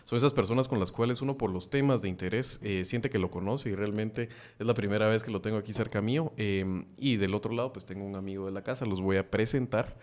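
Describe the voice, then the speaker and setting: A man's voice: lowish voice, quick pace, hardly any pauses. A man hosting a podcast panel, talking casually with many hesitations. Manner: animated, hesitant with fillers. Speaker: podcast host.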